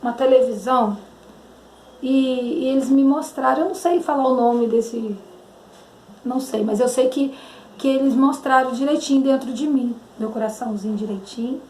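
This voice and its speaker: A Brazilian woman with a Brazilian Portuguese accent testifies about her faith at a normal speed, in a warm voice that sits high. She hesitates, searches for words, and sings hymn lines. The room echoes and carries faint noise.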